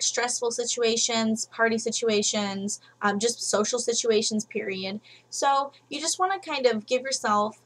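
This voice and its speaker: Frank, chatty young woman with a husky voice. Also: fairly bright tone. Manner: chatty, frank, lots of fillers. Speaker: vlogger. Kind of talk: casual advice vlog. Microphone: webcam. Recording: low-quality home webcam recording.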